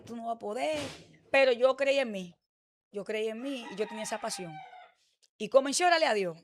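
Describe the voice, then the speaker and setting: A woman pastor with a Dominican accent, giving her testimony in an interview and acting out the dialogue she quotes. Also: fairly high pitch. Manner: animated storytelling, acts out quoted dialogue.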